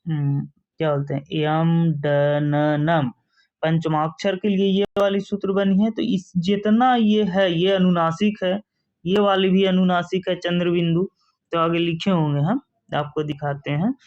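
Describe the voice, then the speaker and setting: A teacher working through grammar rules for exam students, at a slow, deliberate pace. He keeps asking a question and then answering it himself. The sound is dull and lo-fi. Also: mid-range voice, little pitch movement. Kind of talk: exam-prep lesson explaining rules.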